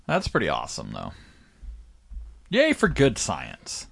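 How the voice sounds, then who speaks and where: A man's voice: low voice, huge pitch swings, unhurried, gravelly, a bit bright, no room sound. A man co-hosting a podcast, talking in a loose, rambling, casual way. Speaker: podcast co-host. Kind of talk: casual chat.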